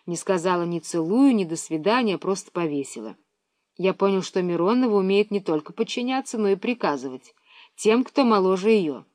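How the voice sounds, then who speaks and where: A woman reading a children's story aloud in an even, measured storytelling manner. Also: medium pitch, no echo.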